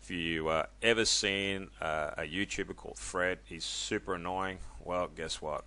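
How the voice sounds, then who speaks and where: A man casually walking viewers through a software tutorial, chatty and loose, with many ums and self-corrections. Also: deep voice, fairly even intonation, moderate pace. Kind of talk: casual screen-recorded tutorial.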